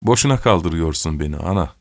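A worn-out young factory worker who speaks softly and evenly, as a man reading a storybook plays him, in a low, calm voice. The sound is dry and close. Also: brisk, dry recording. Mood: weary calm. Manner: calm, soft, flat-toned.

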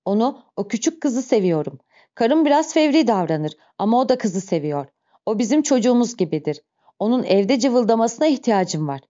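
Woman reading sly male innkeeper, smooth false earnestness, mellow voice, dull lo-fi recording. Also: a little high, big pitch swings, moderate pace. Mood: falsely earnest. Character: sly fawning male innkeeper, feigning tenderness.

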